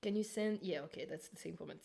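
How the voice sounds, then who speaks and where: A woman's voice: fairly low pitch, fast talker, gravelly, dark tone. A woman with a Turkish accent chatting informally to her viewers on a livestream as a streamer and animator. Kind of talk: casual livestream chat and explanation.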